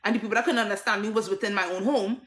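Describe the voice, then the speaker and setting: Talking very fast, this woman has a mid-range, steady, fairly bright voice in a reverberant space. She comes from Trinidad and Tobago, speaks with an American accent, and tells her own story to camera bluntly and rawly, with candid swearing and wry laughs.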